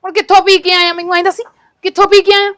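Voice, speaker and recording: A sharp-tongued village wife nags and scolds her husband without pause, played by a woman. Her voice is very high and bright, with an edge that cuts through. It is a comic scene from a web series. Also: level tone, dry recording, studio quality. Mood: scolding. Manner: scolding, nagging. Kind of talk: comedy web series acting.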